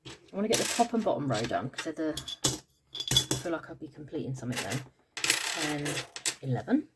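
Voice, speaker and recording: A woman's voice: low voice, very animated, a little fast, heavy background noise. A British woman in a casual budgeting vlog, tired and yawning, counting money aloud with many "um" fillers. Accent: British English. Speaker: budgeting vlogger. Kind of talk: casual cash-stuffing vlog chat.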